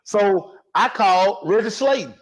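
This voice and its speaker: Animated high-voiced man telling a story. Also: unhurried. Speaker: sports talk show host; former high school football coach. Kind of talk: casual storytelling chat.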